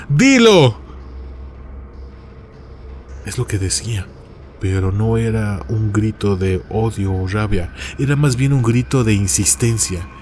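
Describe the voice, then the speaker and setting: Low-voiced man narrating a horror story. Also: a little mellow, a little hiss or hum. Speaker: horror story channel host.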